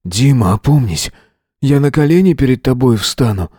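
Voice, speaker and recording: A man's voice: medium pitch, expressive, normal speed, warm tone, slightly rough, no echo, studio quality. A man reading an audiobook voices a middle-aged teacher who pleads desperately. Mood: pleading.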